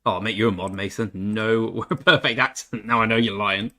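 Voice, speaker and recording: He talks at a normal speed in a voice on the low side, with fairly even intonation and a bright, forceful tone. A young man from England, he chats on his game stream, reads the chat out, and mocks himself good-naturedly.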